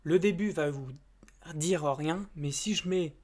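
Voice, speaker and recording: Speaking unhurriedly in a slightly high voice, a male YouTuber talks to the camera in a loose, rambling way. He hesitates, restarts, and leans on fillers, and his language is informal and mildly crude.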